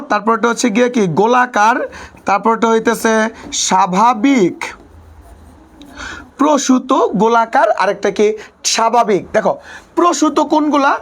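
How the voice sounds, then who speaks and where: A man's voice: very high-pitched, fairly bright tone. A man teaching a live online class. He repeats each point several times, leans on a habitual filler phrase, and teases his students playfully between explanations.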